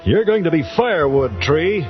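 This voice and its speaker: A man's voice: on the high side, lively intonation, moderate pace, highs cut off, faint music behind, lightly acted. A man voicing an earnest, determined heroic warrior in a 1980s cartoon readalong. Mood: defiant. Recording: band-limited old readalong tape.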